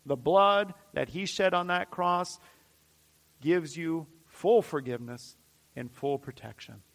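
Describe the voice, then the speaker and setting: Man, preacher, sermon, high voice, slow measured delivery, fervent repetition, drops to near-whispers. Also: vocal fry. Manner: dramatic swings from loud declarations to hushed near-whispers; fervent, repetitive emphatic phrasing.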